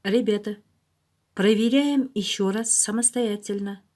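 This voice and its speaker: A woman primary school teacher dictating to young pupils in a deliberate, instructive way, enunciating and repeating each word. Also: medium pitch, darkish tone.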